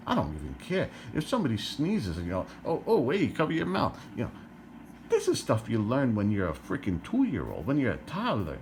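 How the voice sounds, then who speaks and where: Exasperated ranting man with lively pitch. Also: slight background noise. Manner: exasperated, rhetorical questions, repeats himself. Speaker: vlogger. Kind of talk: ranting monologue to camera.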